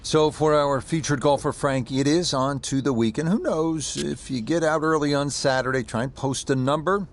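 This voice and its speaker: A man giving golf commentary as a lead play-by-play announcer, with measured, descriptive delivery. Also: on the high side. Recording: outdoor crowd and ambient noise behind. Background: crowd and outdoor ambience.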